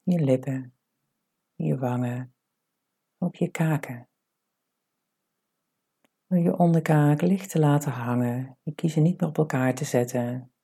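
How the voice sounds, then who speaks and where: In a soft, breathy voice that sits low, a woman leads a guided meditation. She offers calm, soothing instructions with unhurried pauses.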